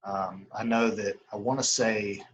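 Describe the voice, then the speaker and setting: A young man in a casual interview as an umpire, talking in a rambling, halting way full of filler phrases. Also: fairly low pitch, steady tone, lo-fi sound. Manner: rambling, halting, frequent "you know". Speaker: baseball umpire as interview guest. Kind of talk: casual chat.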